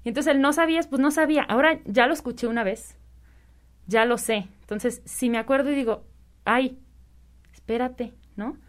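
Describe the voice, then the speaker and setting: In a casual chat on parenting, a high-pitched woman speaks at a normal speed, wandering from point to point and tacking on little tag questions to check in.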